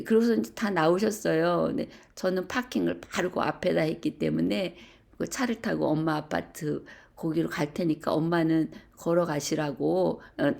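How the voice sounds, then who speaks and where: A middle-aged woman telling a personal story to a church group, animated and full of hesitant fillers. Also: deep voice, gravelly. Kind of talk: casual storytelling.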